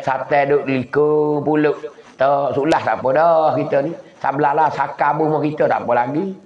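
A man's voice: fairly high pitch, a little mellow. A man from southern Thailand with a Patani Malay accent, giving a folksy religious lecture and mimicking animal noises as he tells stories. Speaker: Islamic preacher. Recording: echoey lo-fi recording.

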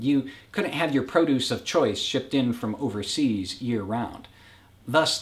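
Man giving a reflective sermon. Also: mid-range voice. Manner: reflective, personal, measured preaching. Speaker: pastor.

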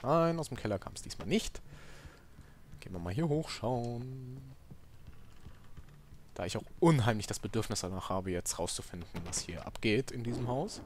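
Joking lively-voiced gamer man. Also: mid-range voice, normal speed, long pauses, slight background noise. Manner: joking, sarcastic asides. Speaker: let's player. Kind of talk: casual gameplay commentary.

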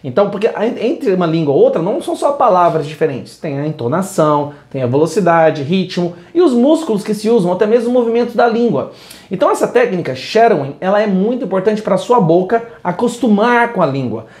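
A man's voice: high voice, sing-song, fairly quick, a little mellow, roomy sound. A man teaching an English lesson, moving between English and Portuguese in an upbeat, direct way. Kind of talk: video lesson.

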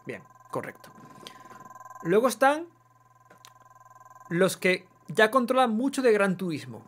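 A man's voice: sits high, big pitch swings, slow, breathy edge. Chatty streamer man. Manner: chatty, swears casually, reads chat aloud. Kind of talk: casual live gameplay chat.

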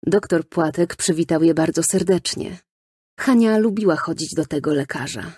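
A woman narrating a children's storybook in a lively storytelling manner, recorded close in a studio. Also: sits low, normal speed, slightly rough, no room sound. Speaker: audiobook narrator.

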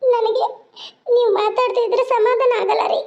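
A woman voicing a young orphaned wife in a cartoon, gentle and imploring. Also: extremely high pitch, level tone, normal speed, dull audio. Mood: pleading. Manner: tearful, imploring.

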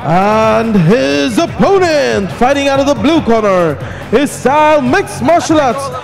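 A man delivers boxing-style ring announcements in a very high, projected voice. He speaks slowly and booms out drawn-out introductions. Crowd and music are loud around him. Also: animated, creaky, poor audio. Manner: booming, projected, stretching out names. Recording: arena PA amid crowd and music.

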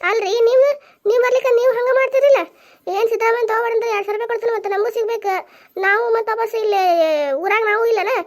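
Lady voicing a squeaky village wife in a cartoon, nags fast and scolds nonstop. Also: steady tone. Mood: complaining. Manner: nagging, complaining, quick scolding. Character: scolding village wife of a drunkard, middle-aged. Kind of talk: cartoon comedy voice acting.

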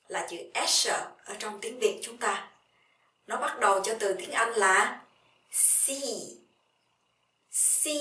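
A woman with a Vietnamese accent leads a basic English lesson, saying each letter and word several times. She talks very slowly and stretches her words out. Her voice sits a little away from the mic in a roomy, echoing space. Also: a little high, sharp tone, recorded from a distance. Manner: slow, drawn-out repetition of each letter and word. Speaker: English teacher. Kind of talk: slow spoken English lesson.

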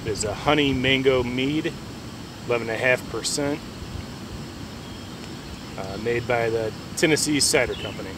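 A man's voice: medium pitch, normal speed, pauses often. Chatty man with noisy outdoor camera audio. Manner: relaxed, chatty with frequent fillers. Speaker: vlogger. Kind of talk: casual outdoor vlog. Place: outdoors at a campsite and on a bike trail. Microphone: camera on a tripod, action cam while riding. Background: outdoor ambience.

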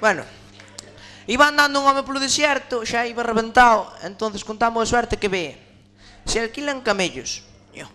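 A chatty Galician man tells a long joke on stage and keeps breaking into laughter. His voice is very high and bright. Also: normal speed, a little hiss or hum. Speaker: comedian. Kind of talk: stand-up joke telling at a festival.

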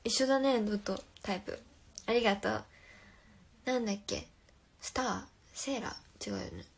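Speaking at a normal speed in a creaky, medium-pitched voice, a young woman runs an informal livestream from her phone. She reads out viewers' comments, replies with playful answers and frequently lowers her voice to a whisper.

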